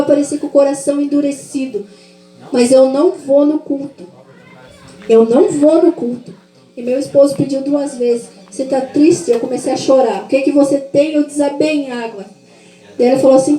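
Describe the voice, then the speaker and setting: A woman's voice: high-pitched, dark tone, echoey room, low-quality recording. A woman from Brazil giving a sermon testimony in a fervent, repetitive preaching cadence. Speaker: church speaker giving testimony.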